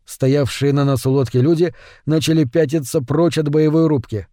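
A man reading an audiobook as narrator, in a measured, even scripted narration. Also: on the high side, no echo, studio quality.

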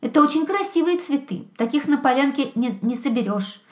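A woman's voice: high-pitched, lively intonation, fairly quick, darkish tone, pitched above the performer's own voice. A woman voicing a blunt, cheeky hare in a storybook, in an echoey room.

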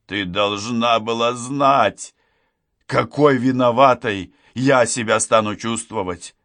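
A man reading an audiobook, voicing a furious, betrayed young woman who accuses and shouts at her friend. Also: mid-range voice, slow, no room sound, studio quality. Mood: accusing.

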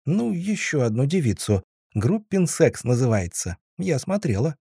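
Audiobook: petulant young female android, voiced by a man, high and tearful, whiny and sulking, husky edge. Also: sing-song, a little slow, dark tone, no echo, clean studio sound, heavily acted. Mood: coy. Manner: whiny, sobbing, sulky pleading. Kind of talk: audiobook character voice.

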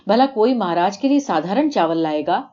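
A woman's voice: medium pitch, animated, dark tone, natural voice. A woman voicing a domineering male palace official who speaks in a bossy, knowing tone, on a dull, lo-fi recording. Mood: suspicious.

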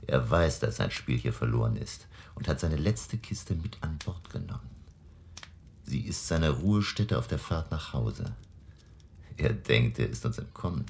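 An actor playing an elderly, kindly and grave professor in a radio drama, speaking in a gravelly, deliberate, solemn, paternal way. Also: male voice, rumbling low, big pitch swings, a little mellow, a little hiss or hum, exaggerated voice. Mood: grave, determined. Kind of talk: German radio drama acting.

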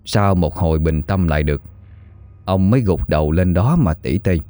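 A man narrating a ghost story in a steady, solemn storytelling voice. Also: low-pitched, moderate pace, dry recording.

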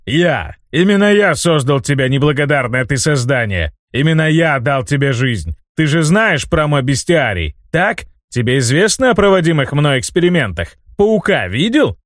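A man's voice: a little high, sing-song, normal speed, hardly any pauses, a bit bright, no echo, studio quality, voice pushed up. A man voicing a scheming, boastful old male mage who gloats and cackles, in an audiobook reading. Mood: indignant. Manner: gloating, theatrical, breaks into laughter.

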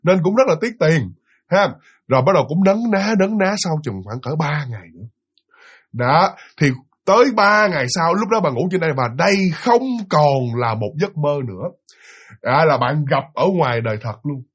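A man telling a ghost story in a casual, lively way, acting out voices and sounds. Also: a little high, normal speed, breathy edge.

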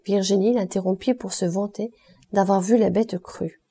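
A woman reading a classic novel aloud as an audiobook, in a steady, expressive manner. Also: mid-range voice, normal speed, husky. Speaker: audiobook reader.

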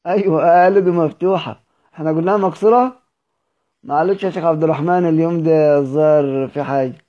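A man with an Egyptian accent teaching Quran recitation rules in an online lesson, explaining slowly and repeating example words in drawn-out form. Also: fairly high pitch, fairly even intonation, highs cut off. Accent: Egyptian Arabic.

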